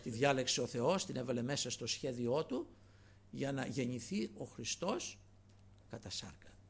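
A man preaching a sermon, swinging between loud emphatic peaks and low murmured asides, repeatedly addressing the congregation as brothers. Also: animated, creaky.

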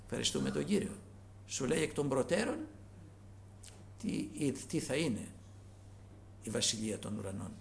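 A man preaching a sermon in a dramatic way, swinging from loud calls to hushed asides. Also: medium pitch, animated, gravelly, pauses often, slight background noise.

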